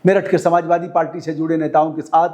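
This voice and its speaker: A man's voice: on the high side, little pitch movement, quick pace, a little mellow. A male news commentator reading a report and breaking off to scold the police directly in an indignant tone.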